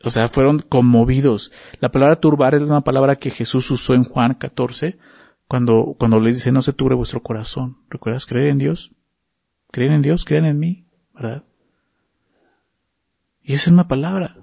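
A man's voice: mid-range voice, steady tone, normal speed, vocal fry, warm tone, no echo, muffled recording. A man preaching a conversational Bible study sermon, often asking rhetorical questions and repeating words as he restarts.

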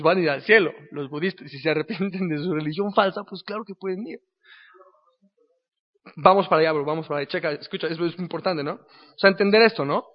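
A high-voiced man gives a casual teaching sermon. He talks to the listener directly and keeps asking "right?" as he goes. The recording sounds dull, with a long reverb trailing behind him. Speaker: preacher.

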